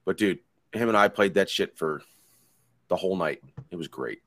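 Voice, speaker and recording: A man's voice: low voice, animated, normal speed, fairly bright tone, no echo. A man in his thirties co-hosting a casual podcast, rambling and swearing as he tells stories. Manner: rambling, profane, laid-back storytelling. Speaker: podcast co-host. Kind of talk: casual chat.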